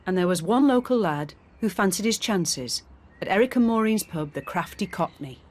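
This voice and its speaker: A woman giving measured, scripted documentary narration. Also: medium pitch, expressive.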